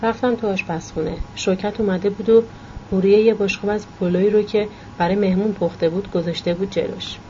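A woman narrating a novel aloud in a calm, even storytelling voice. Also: medium pitch, dull audio, a little hiss or hum. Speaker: audiobook narrator.

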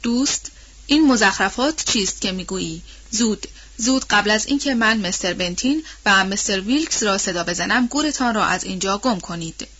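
A woman reading the part of a furious, proud young woman, with sharp, scornful, commanding lines, on a dull lo-fi recording. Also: medium pitch, animated, breathy edge.

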